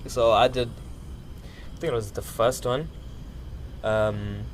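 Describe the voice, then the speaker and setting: A man's voice: medium pitch, fairly even intonation, slow pace, a little hiss or hum. A man chatting casually as a musician in an interview, loose, slangy and rambling. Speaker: musician, podcast guest.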